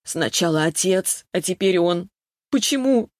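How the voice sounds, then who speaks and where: A woman reading an audiobook, voicing a distraught young woman who is stubborn and prone to high outbursts. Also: animated, unhurried, darkish tone, no echo, studio quality. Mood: tearful. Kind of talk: audiobook character voice.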